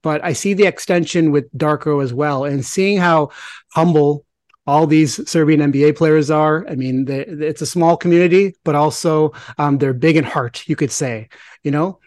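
A man hosting a podcast, asking relaxed, conversational questions. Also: fairly high pitch, normal speed, dry recording. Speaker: podcast host. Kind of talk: casual podcast interview.

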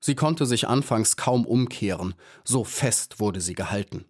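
A man narrating a children's audiobook in a measured, even storytelling manner. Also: fairly low pitch. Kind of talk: scripted narration.

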